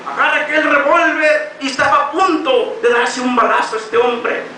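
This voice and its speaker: A high-pitched male preacher with a Mexican accent, his bright voice ringing out through a very echoey church hall. He preaches with passion and often breaks into shouts. The mic sits some way off from him, and a faint room noise hangs behind. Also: normal speed, far from the mic. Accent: Mexican Spanish. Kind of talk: sermon.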